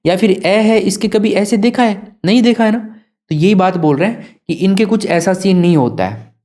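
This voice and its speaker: Mellow-voiced Hindi teacher. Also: male voice, high-pitched, lively intonation, normal speed. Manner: asks students questions and answers them himself. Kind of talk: classroom lesson.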